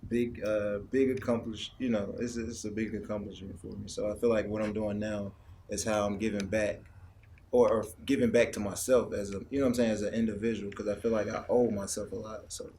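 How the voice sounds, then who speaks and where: A man's voice: on the low side, flat delivery, a little fast, dark tone, slight background noise. A young man hosting a casual interview, laid-back and full of filler phrases. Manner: laid-back, keeps saying "you know what I'm saying". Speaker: host. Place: small indoor studio set.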